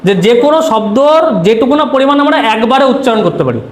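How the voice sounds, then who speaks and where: A man teaches an exam-prep grammar lesson, asking rhetorical questions, answering them himself, and repeating key terms to drill them. His extremely high voice is lively in intonation and fast, recorded with a roomy echo and faint noise.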